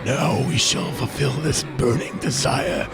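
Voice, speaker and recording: A man voicing a drunken, boastful male warrior in a slow, slurred, solemn way during a game playthrough. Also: medium pitch, vocal fry, over music.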